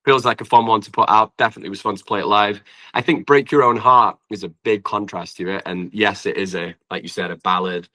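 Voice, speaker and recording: Fairly quick and steady in tone, a deep, bright-voiced northern Englishman from Preston chats casually as a guest singer-songwriter and producer. His talk is loose and rambling, full of "like."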